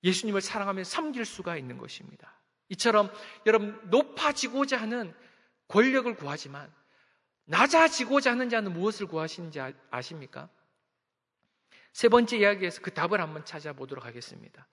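Very high-voiced preaching man, hall reverb. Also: very animated, brisk, a bit bright. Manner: earnest, with rhetorical questions and repeated appeals to the congregation. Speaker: pastor. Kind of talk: sermon. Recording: long reverb of a large hall.

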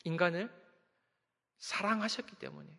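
A man preaching a sermon in a strikingly high, bright voice. He presses his point with rhetorical questions and keeps calling out to the congregation. His words ring out with the long reverb of a large hall. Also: moderate pace, creaky. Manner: earnest, with rhetorical questions and repeated appeals to the congregation. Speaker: pastor.

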